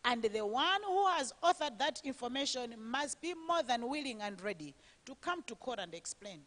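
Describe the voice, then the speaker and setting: A woman's voice: on the high side, big pitch swings, moderate pace, a bit bright. A woman on a conference panel who firmly explains how courts treat evidence and witnesses. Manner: firm and explanatory. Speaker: legal expert on a panel. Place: conference hall. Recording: long hall reverb.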